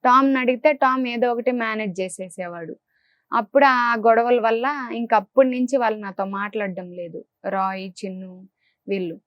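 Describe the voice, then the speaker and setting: A young woman speaking in a candid interview, talking in a subdued, hesitant way with pauses and restarts. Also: on the high side, fairly even intonation, dry recording, muffled recording. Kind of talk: candid interview recounting a breakup.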